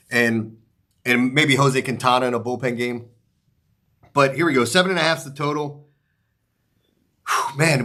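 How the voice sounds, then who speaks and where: A male sports picks host with a mid-pitched voice speaks straight to his viewers in a loose, rambling style. He swears mildly and keeps things informal. His words come out slightly off, like someone talking through a mouth still numb from dental work. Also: a bit bright. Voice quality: slightly off articulation, as from a numb mouth after the dentist. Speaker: sports betting show host.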